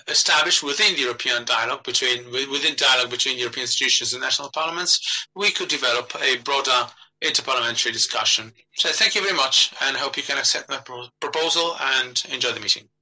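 A man working as a live conference interpreter, giving a translation voice-over of a formal speech in halting phrases with restarts. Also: medium pitch, sharp tone, low-quality recording. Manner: translation voice-over, relaying a speaker with hesitations and restarts.

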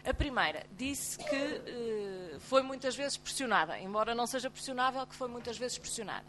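A woman's voice: on the high side, lively intonation, normal speed, noisy background. A woman member of parliament with a European Portuguese accent asks formal questions at a hearing in a composed, orderly, precise way.

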